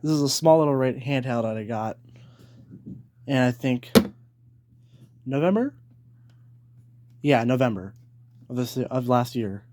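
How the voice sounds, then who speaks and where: A man with an expressive mid-range voice presents his weather radios casually, rambling, backtracking and repeating himself. He speaks at a measured pace with long pauses, in a noisy home recording with clicks.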